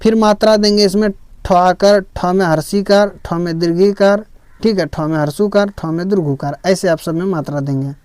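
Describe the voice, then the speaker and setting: A man's voice: high-pitched, normal speed, a little mellow, smooth, no room sound. A man teaching a Sanskrit lesson, explaining each step patiently and repeating himself often.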